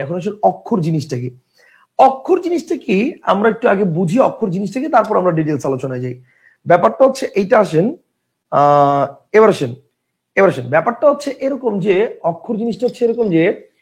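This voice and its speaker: A man teaching an online grammar class in a conversational way, repeating his points and asking listeners questions. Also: sits high. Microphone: online class host mic.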